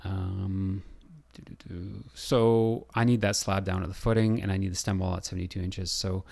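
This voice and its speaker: This building designer's voice is rough and scratchy, clearly going, and it sits low with a level tone. He narrates a software design tutorial while thinking out loud, full of pauses and filler words.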